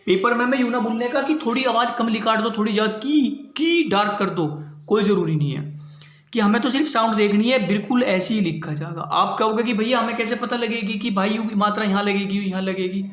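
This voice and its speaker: High-voiced man teaching shorthand, echoey room. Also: a little fast, a bit bright. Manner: repetitive, checks understanding with "clear hui bhaiya baat". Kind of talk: classroom lesson.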